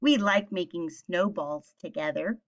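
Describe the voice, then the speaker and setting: A teacher with a lowish voice reads a picture book to young children a little slowly. She asks them simple questions and offers clear explanations, though the audio is dull.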